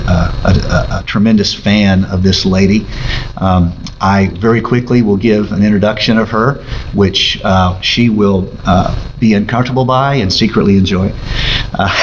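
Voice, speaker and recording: Halting pastor hosting an interview. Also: male voice, on the low side. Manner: halting, with many uh and um fillers. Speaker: pastor and host. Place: church stage. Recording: dull lo-fi sound, faint hiss.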